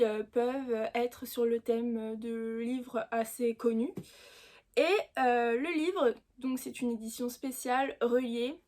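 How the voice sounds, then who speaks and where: A woman's voice: fairly high pitch, darkish tone. A woman hosting her book channel, chatting casually through an unboxing with frequent hesitant fillers. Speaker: booktube host.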